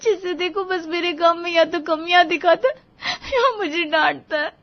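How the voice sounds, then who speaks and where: A woman's voice: high voice, moderate pace, dull audio, pitched above the performer's own voice, close to an everyday voice. A woman voicing a timid, eager young daughter-in-law in a cartoon story, polite and anxious to please. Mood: tearful.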